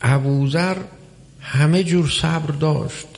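A man preaching a religious sermon, measured and emphatic, with long pauses between phrases. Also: fairly high pitch, creaky. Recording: long hall reverb.

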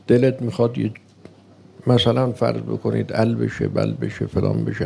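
A man giving a sermon, speaking slowly and deliberately, posing rhetorical questions and acting out the voice of an imagined opponent. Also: mid-range voice, gravelly, warm tone, slightly rough. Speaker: preacher.

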